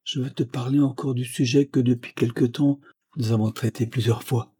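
A man's voice: mid-range voice, steady tone, moderate pace, dark tone, breathy edge. A man reading the lines of a frail, pious old grandfather who tenderly pleads with his granddaughter. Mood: earnest. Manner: earnest, tender entreaty.

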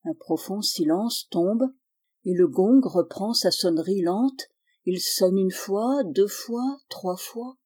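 A woman calmly narrating a novel in a measured storytelling voice. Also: medium pitch, slightly rough. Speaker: audiobook reader.

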